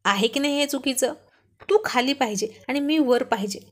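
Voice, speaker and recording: A woman's voice: high voice, normal speed, natural voice. A woman voicing a teasing young husband.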